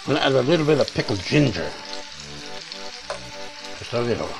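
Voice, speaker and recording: An older man with a gravelly, creaky voice talks through a home cooking demonstration in a relaxed, folksy way, slipping in the odd pirate joke. A pan sizzles in his kitchen while music plays clearly underneath his voice. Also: medium pitch, a little fast, rough recording. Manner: folksy, chatty, with occasional pirate jokes. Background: sizzling frying pan and music.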